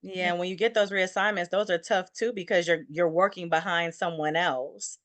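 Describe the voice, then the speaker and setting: Steady-voiced woman, dry close sound. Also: fairly low pitch, moderate pace, no room sound. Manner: steady, advising, frequent "you know". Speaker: insurance claims adjuster, guest. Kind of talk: interview conversation.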